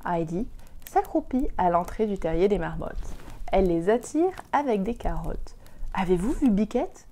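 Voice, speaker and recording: A woman reading a children's story aloud in a gentle, clear storytelling voice. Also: mid-range voice, animated, normal speed, slight background noise.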